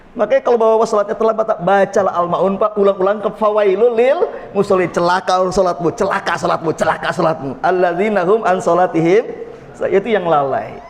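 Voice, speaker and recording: A man's voice: high voice, darkish tone. A man preaching a folksy, joking mosque sermon, often calling on his listeners directly. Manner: folksy, jokes with the audience, addresses "Pak". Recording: long reverb of a mosque hall.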